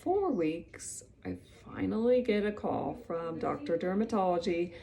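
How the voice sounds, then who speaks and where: Brief: chatty woman vlogger in her thirties, low-pitched, candid storytelling to camera. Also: animated, measured pace, creaky, a crowd in the background. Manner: chatty, candid, quotes people in little acted bits.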